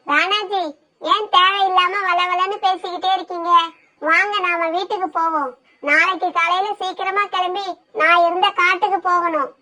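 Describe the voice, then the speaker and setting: A scheming, vain female sparrow from a cartoon, voiced by a woman, cold and bossy in every word. Her voice sits very high and sounds bright and sharp. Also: fairly even intonation, normal speed. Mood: haughty. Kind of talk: cartoon voice acting.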